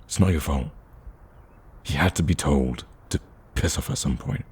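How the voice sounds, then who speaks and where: For a romantic ASMR roleplay, a man voices an eager, lovestruck villain in full character. His voice is extremely low, dark and mellow with a husky rasp, and he speaks casually at a moderate pace, easily flustered around his date. The mood is annoyed and dismissive.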